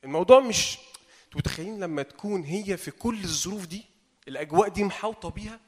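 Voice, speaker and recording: A man with an Egyptian Arabic accent preaching an informal sermon, animated and asking his audience rhetorical questions. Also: high-pitched, very fast, breathy edge, in a large hall. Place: meeting hall.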